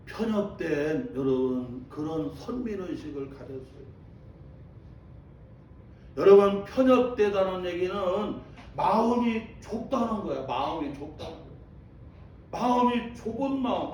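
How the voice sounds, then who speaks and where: A man's voice: high-pitched, darkish tone, a little hiss or hum. A male pastor preaching a sermon. He keeps calling out to the congregation and repeats his phrases for emphasis. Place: church sanctuary. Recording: echoey church from a distant mic.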